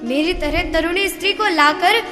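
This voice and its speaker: A woman's voice: very high voice, normal speed. A woman narrating a devotional story expressively to listeners, between sung verses, with music accompaniment. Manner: expressive, addresses listeners as maharaj. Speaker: spiritual storyteller. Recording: reverberant hall with music.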